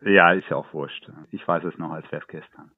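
Being interviewed, a game developer talks freely about his work, telling anecdotes sprinkled with light laughs in relaxed storytelling. His voice is low and steady at a moderate pace, with no room sound, heard over a dull, phone-like line.

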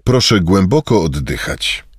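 A man with a very low, husky voice reads short phrases one after another. His pitch moves a lot, and the recording is close and dry. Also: dry recording. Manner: measured, even delivery of short phrases. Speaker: Polish phrase reader. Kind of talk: scripted phrase reading.

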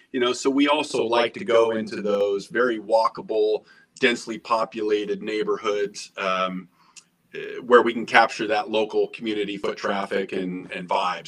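A man's voice: fairly low pitch, far from the mic. Earnest man on a video call. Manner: earnest, energetic, gestures while talking, repeats words. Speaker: restaurant chain executive. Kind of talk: business video interview. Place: home office. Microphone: webcam on a video call.

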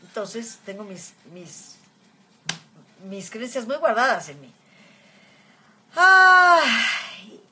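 A woman's voice: a little high, big pitch swings, extremely slow, pauses often, bright, forceful tone, a little hiss or hum. A Mexican woman in her fifties hosting a casual livestream, chatting affectionately and reading viewers' comments, with frequent filler words. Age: 50s. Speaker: livestream host.

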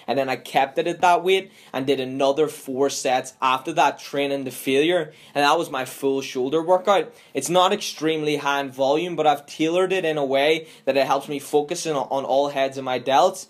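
A young man, narrating his fitness vlog in a relaxed, chatty way and swearing casually, recorded on a camera mic. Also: medium pitch. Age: young adult. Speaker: fitness vlogger. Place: gym, parked car, home kitchen.

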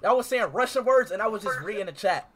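Hyped young guy streamer, high voice, wild swings, yelling at chat. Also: quick pace. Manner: excitable, shouting, talks to chat. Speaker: livestreamer. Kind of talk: loud casual livestream chat.

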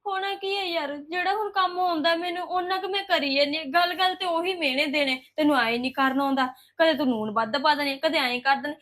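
A scheming young bride from a drama film, played by a woman, who complains with plaintive grievance through tears. Her voice sits very high and rings bright and sharp. She slips into hushed asides when she plots. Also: fairly quick, few pauses. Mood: aggrieved. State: crying. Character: young scheming new bride, quarrelsome and tearful. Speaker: actress in a short film.

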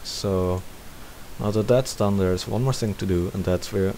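A man with a lowish voice talks unhurriedly through a casual screen-recorded game tutorial, thinking aloud one step at a time. The audio quality is poor, with a steady hiss running behind him.

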